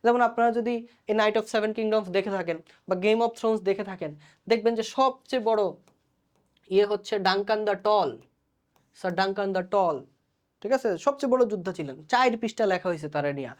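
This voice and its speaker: A man's voice: high-pitched, a little fast. A man with a Bangladeshi Bengali accent giving a recorded exam-prep sociology lecture, talking colloquially and answering his own quiz questions. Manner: colloquial, poses questions then answers them himself. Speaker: sociology tutor.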